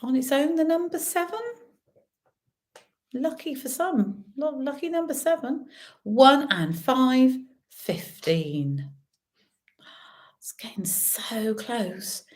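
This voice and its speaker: Slow-paced woman calling bingo numbers. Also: sits high, lively intonation, a little mellow. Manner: calls numbers digit by digit with drawn-out pauses. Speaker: bingo caller and host. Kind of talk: bingo calling with casual chatty asides to players.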